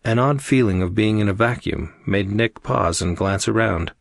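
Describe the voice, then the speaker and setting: Gravelly low-voiced male audiobook narrator. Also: moderate pace, dry recording, studio quality. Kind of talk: scripted narration.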